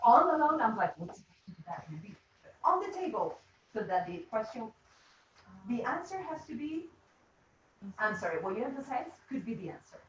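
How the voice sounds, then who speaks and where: A woman leading teachers through a classroom game, giving quick, instructive directions and laughing often. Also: on the high side, sing-song. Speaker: teacher trainer. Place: classroom or training room. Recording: roomy, distant, dull classroom sound.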